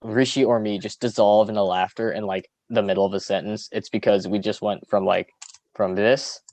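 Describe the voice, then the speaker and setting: A man's voice: on the low side, steady tone, normal speed, darkish tone, no echo. A young man co-hosting a casual podcast, dropping dry, teasing quips at his friend. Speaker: podcast co-host.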